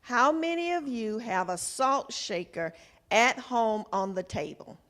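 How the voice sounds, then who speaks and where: A woman's voice: fairly high pitch, animated, unhurried, fairly bright tone. A woman with a Southern American accent presents an informal nutrition workshop to a group in a folksy, conversational way, checking in with her listeners through questions. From Southern United States. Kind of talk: informal health talk to a group.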